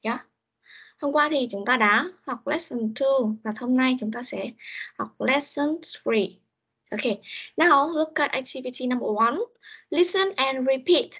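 Husky-voiced woman teaching online. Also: sits high, a little slow, fairly bright tone. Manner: mixes Vietnamese and simple English, hesitant fillers. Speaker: English teacher. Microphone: computer mic on a video call.

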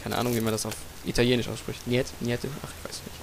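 German let's play guy talking over his game, excitable, swears a lot, mumbles then yells. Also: medium pitch, fast talker, gravelly, a little hiss or hum. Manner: excitable, yells and repeats words in a rush during fights; swears casually, mutters to himself. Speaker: let's player. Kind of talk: gaming commentary.

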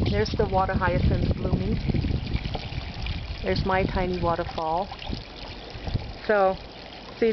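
A woman giving a chatty, self-deprecating walking tour of her sunny backyard garden, narrating as she goes. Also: mid-range voice. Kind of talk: casual walking video tour. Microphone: handheld camera mic. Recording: dull lo-fi camcorder audio with outdoor noise.

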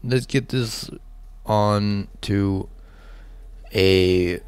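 A man's voice: fairly low pitch, drawn-out words, darkish tone, smooth, no echo. A man giving casual, rambling let's play commentary, swearing often and talking to himself as he plays. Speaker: gaming channel host.

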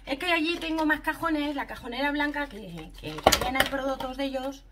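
A woman from Spain with a Spanish accent, chatting excitedly to her viewers while she tries makeup on at home in front of a camera set in a ring light. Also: high voice, moderate pace, very noisy. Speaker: beauty vlogger. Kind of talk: casual makeup review vlog. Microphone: camera mounted in a ring light, a bit back.

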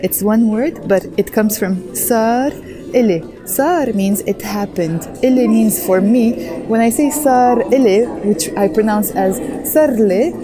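Speaking into an earphone headset mic, a woman in her thirties teaches a language lesson for her vlog, over music, in a slightly high voice at a brisk pace. Quiet and shy inside a train station, she turns louder and brighter once she's out on a busy street.

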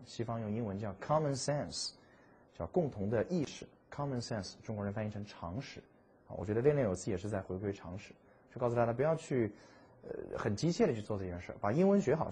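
A man teaching English vocabulary in a chatty exam-prep lecture, drawing English words out slowly. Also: fairly low pitch, husky. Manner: lively, chatty, stretches English words slowly to model them.

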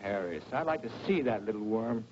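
Actor doing a touchy novelist husband, 1940s film style, lively swings, dull old soundtrack. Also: male voice, fairly low pitch, a little fast, a little hiss or hum, close to an everyday voice. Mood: brusque. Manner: indignant, sharp-tongued. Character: proud, jealous male novelist husband.

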